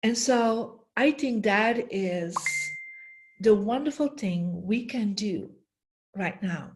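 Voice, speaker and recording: A woman's voice: medium pitch, animated, slow, a little mellow. Storytelling woman teaching a master class. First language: Dutch. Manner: storytelling, repeats "yeah?" to the audience. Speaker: feng shui teacher. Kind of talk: online master class talk.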